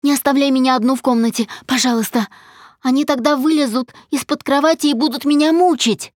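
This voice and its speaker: A woman reading a fragile, pleading young wife in an audiobook, her voice breathy. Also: high-pitched, animated, unhurried, dry recording, clean studio sound, pitched above the performer's own voice, heavily acted. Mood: panicked. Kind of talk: audiobook character voice.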